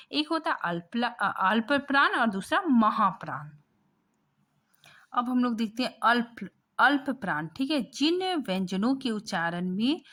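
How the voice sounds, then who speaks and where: A woman's voice: a little high, fairly bright tone. Patient woman teaching grammar. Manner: checks in constantly with "ठीक है?", rising; patient, repeats points, thinks aloud with fillers. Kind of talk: grammar lesson explaining slides.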